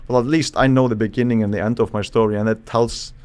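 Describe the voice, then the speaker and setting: A man from Iceland, a psychologist guest on a podcast, explaining in a thoughtful, halting way with frequent restarts. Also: mid-range voice, steady tone, darkish tone, smooth. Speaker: psychologist and charisma expert guest. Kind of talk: casual podcast interview.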